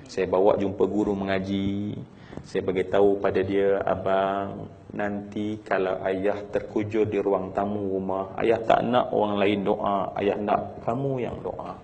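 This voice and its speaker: A man with a Malaysian Malay accent preaching a sermon through a story, swinging from hushed telling to emotional crying out. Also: low voice, creaky, a little hiss or hum.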